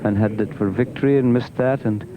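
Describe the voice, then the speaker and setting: A man giving live golf commentary as a golf commentator, measured and conversational, as if thinking aloud. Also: medium pitch. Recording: muffled, noisy 1990s TV broadcast.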